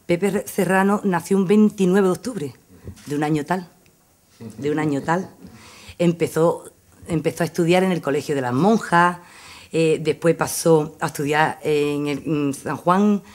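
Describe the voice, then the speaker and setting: A woman's voice: low-pitched, a little slow, darkish tone. A middle-aged Andalusian woman, a town councillor speaking informally at a press conference, repeating phrases for emphasis. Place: indoor press room. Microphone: table microphone.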